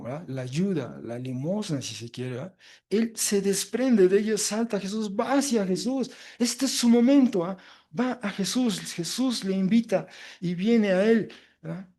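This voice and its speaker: Animated man preaching an expository sermon. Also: a little high. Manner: lively, often tags phrases with "¿verdad?" and "¿ah?"; animated, swinging between loud emphasis and quiet asides. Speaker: pastor.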